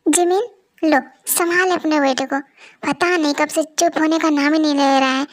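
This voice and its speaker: A woman's voice: sits high, fairly even intonation, moderate pace, dry recording, studio quality, lightly acted. A woman voicing an anxious middle-aged mother in a dramatic fan story reading, with a fretful delivery. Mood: fussing. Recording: soft music behind.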